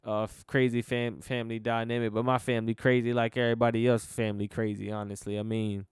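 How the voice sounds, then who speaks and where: A man's voice: medium pitch, little pitch movement, quick pace, clear, resonant tone, dry recording, clean studio sound. Rambling laid-back American man podcasting. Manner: rambling, laid-back, many fillers and restarts, swears casually. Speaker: podcast host. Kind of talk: casual solo podcast chat.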